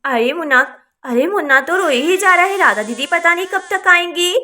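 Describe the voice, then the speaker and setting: A woman's voice: extremely high pitch, expressive, normal speed, pushed and bright, slight background noise, exaggerated voice. A woman voicing a young village woman who frets and pleads while minding her sister's baby in a doll story. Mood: fretful. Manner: fretful, pleading.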